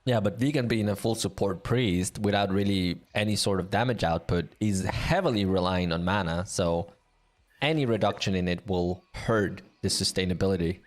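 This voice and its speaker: A man's voice: low voice, moderate pace. A man commentating an online game league match, explaining the action and chatting casually with his co-caster. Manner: curious, explanatory, animated. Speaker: esports commentator.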